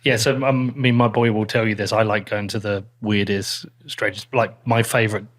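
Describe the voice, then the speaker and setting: Blunt podcast host. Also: male voice, lowish voice, level tone. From England. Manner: blunt, curious, asks quick questions, swears casually. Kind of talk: casual conversational interview.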